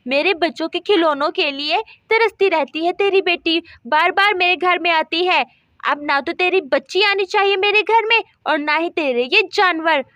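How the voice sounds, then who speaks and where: A woman performs a bossy, scornful rich neighbor lady in a doll story, shrieking scolds and threats in a very high voice. The sound is close and dry, with no room around it. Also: normal speed, bright, forceful tone, dry recording.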